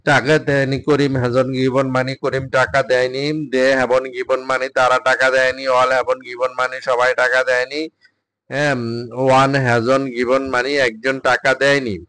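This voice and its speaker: A man, a Bengali speaker, teaching English drills by reading each sentence slowly and then translating it. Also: medium pitch, a bit bright, no room sound. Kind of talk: spoken English drill lesson.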